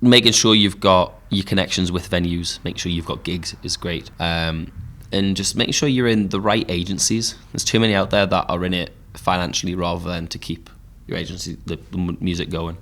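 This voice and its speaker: Give me a deep Geordie man, casual and rambling, talking music in a pub. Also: brisk, few pauses. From Newcastle, England. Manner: relaxed storytelling with frequent fillers. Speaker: podcast host and musician.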